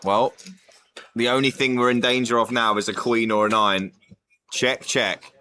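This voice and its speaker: A man's voice: medium pitch, steady tone, moderate pace, bright, forceful tone. A man giving chatty live poker commentary, incredulous and emphatic, with a bantering manner.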